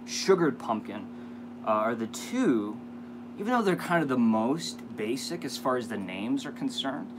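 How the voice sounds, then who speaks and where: A man's voice: mid-range voice, background noise. A man talking casually to viewers as a vlog host, rambling and hesitant with self-deprecating asides. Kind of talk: casual unboxing chat to viewers.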